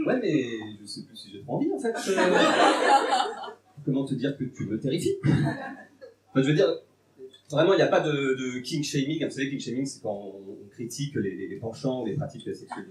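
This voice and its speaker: A young man from Bordeaux tries stand-up live for the first time, nervously rambling and making fun of himself. He talks at normal speed with a medium-pitched, expressive, slightly mellow voice, heard from a distant mic in an echoey, noisy venue full of audience.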